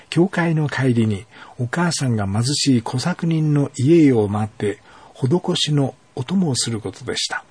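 A man hosting a show, telling a story gently and pausing for rhetorical questions. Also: medium pitch, husky. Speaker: radio host. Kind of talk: storytelling narration.

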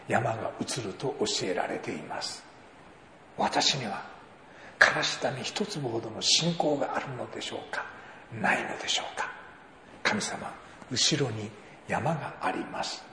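A man voicing an old woman's hushed prayer. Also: medium pitch, very animated, measured pace, long pauses, a little hiss or hum. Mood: hushed, earnest. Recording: roomy hall reverb, faint ambience.

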